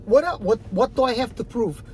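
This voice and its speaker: A rideshare driver from Ukraine in the former Soviet Union, with an Eastern European accent, delivers a casual, defiant, rambling monologue to his channel audience, emphatic and full of fillers. His mid-range voice is expressive and darkish at a normal speed, with a little hiss or hum.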